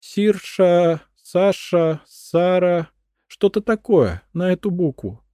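Brief: a shrill, paranoid housewife, very high and frantic, for an audiobook. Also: female voice, lively intonation, slow, dark tone, no echo, studio quality. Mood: shrill, unhinged. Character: hysterical paranoid housewife, shrieking and unhinged.

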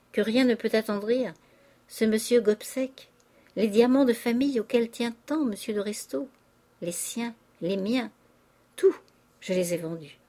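A woman's voice: a little high, mellow. A woman voicing a tearful young countess. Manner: tearful, pleading confession. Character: distraught young aristocratic wife, confessing. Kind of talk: audiobook character reading.

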